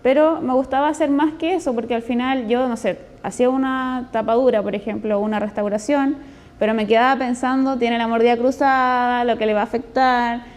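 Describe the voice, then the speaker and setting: A woman's voice: fairly high pitch, fairly even intonation, a little fast, darkish tone. A woman dentist from Chile with a Chilean accent, speaking in a testimonial interview in an earnest, explanatory, conversational way.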